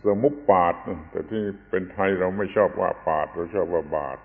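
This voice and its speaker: A man with a very deep, low voice delivers a Buddhist dharma sermon, explaining ideas in an unhurried way. The sound is thin and phone-like, and a long hall reverb trails each phrase. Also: gravelly. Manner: unhurried, explanatory, stresses correct pronunciation. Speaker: Buddhist teacher.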